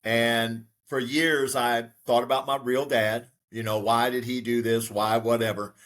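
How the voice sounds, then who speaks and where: An American man in his sixties, a real estate broker, tells his life story as a guest in an interview. His medium-pitched voice moves a little slowly, steady and reflective, with frequent fillers.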